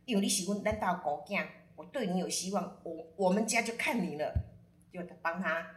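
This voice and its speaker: Taiwanese woman telling lively stories in a roomy echo. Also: on the low side. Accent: Taiwanese Mandarin. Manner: lively storyteller who mixes in Taiwanese Hokkien words. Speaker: guest telling stories about friends and astrology. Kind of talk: casual podcast storytelling.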